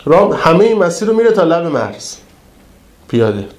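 A man preaching to pilgrims, telling a story in a lively, colloquial way. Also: fairly high pitch, roomy sound. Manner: colloquial, lively retelling of an anecdote. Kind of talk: storytelling sermon in casual speech.

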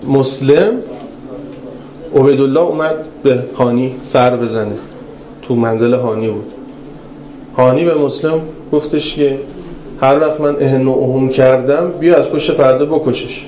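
A man preaching a religious lecture, telling stories in an animated way that swings between raised and hushed passages. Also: mid-range voice, slight background noise. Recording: roomy hall with faint ambience.

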